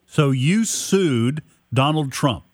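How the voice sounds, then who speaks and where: A man from New Hampshire hosting a radio talk show, asking questions conversationally and haltingly, repeating words as he goes. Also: a little high, lively intonation, dry recording, studio quality. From New Hampshire, United States. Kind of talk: conversational interviewing.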